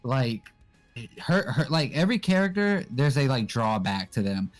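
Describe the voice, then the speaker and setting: A man's voice: mid-range voice, moderate pace, faint music behind. Young man explaining anime casually. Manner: relaxed, filler-heavy explaining. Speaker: guest co-host.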